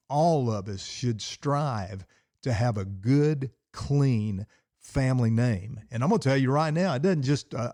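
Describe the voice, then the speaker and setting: A man's voice: mid-range voice, dark tone, no echo, studio quality. A middle-aged man, hosting a solo podcast from his basement and preaching with fired-up, emphatic repetition. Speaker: podcast host and pastor. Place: home basement.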